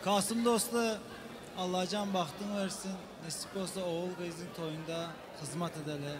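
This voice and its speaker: A man's voice: sits high, steady tone, unhurried. A man offering good wishes to a friend at a wedding. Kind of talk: wedding well-wishing. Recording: crowded venue, crowd chatter. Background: loud crowd.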